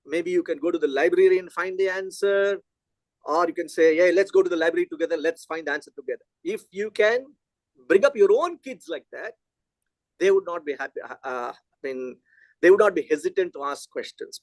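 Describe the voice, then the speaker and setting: Delivering a physics lecture, this middle-aged Telugu-speaking man from India stays conversational and animated, working through ideas aloud. He speaks briskly in a slightly high voice, and there is no echo.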